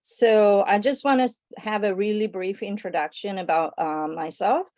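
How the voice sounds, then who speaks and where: A woman's voice: medium pitch, moderate pace, darkish tone, no room sound. A woman from Italy with an Italian accent, giving an enthusiastic online presentation over a video call and chatting her way through it with fillers. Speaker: guest speaker.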